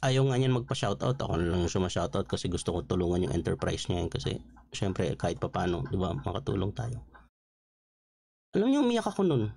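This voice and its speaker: A man who is a pastor and show host, telling a personal testimony in an emotional, animated way full of fillers and switching into English phrases. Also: low-pitched, a little fast, creaky, no room sound. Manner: mixes Tagalog with English phrases. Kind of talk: testimony-style preaching on a livestream.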